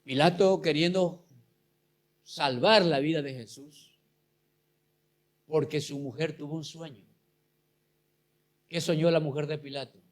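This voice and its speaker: A man preaching a sermon, swinging between loud passionate bursts and hushed asides, calling out hallelujah and addressing his listeners as brothers. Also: on the high side, fairly even intonation, measured pace, pauses often.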